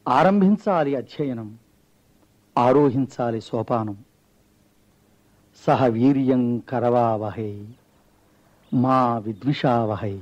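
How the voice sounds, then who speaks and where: An actor playing a solemn Vedic teacher who recites rules in a slow, measured, teaching manner, in the style of an old radio play. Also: male voice, mid-range voice, darkish tone. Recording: dull lo-fi old radio sound.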